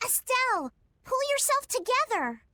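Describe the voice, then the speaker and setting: A woman voicing a sharp-tongued, impatient teenage girl mage in a video game. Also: extremely high pitch, very animated, normal speed, no room sound, heavily acted.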